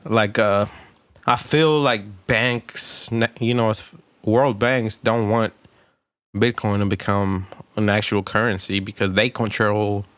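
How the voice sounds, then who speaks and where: Low-voiced man rambling casually. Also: steady tone, slow, a bit bright, clear, resonant tone, dry recording. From Texas. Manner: rambling, hesitant, trails off with fillers. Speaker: podcast co-host. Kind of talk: casual chat.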